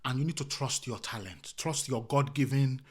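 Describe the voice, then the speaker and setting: A man's voice: medium pitch, moderate pace, husky. A male comedian talking casually in an interview, earnest and repetitive, often asking himself rhetorical questions and calling the host "my brother". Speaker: comedian guest.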